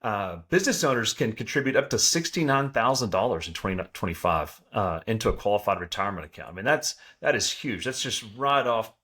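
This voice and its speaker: A man's voice: fairly low pitch, expressive, a little fast, few pauses, bright, forceful tone. A man co-hosting an advice podcast as an accountant, explaining in a conversational way and often checking in with the listener. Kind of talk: casual advice talk.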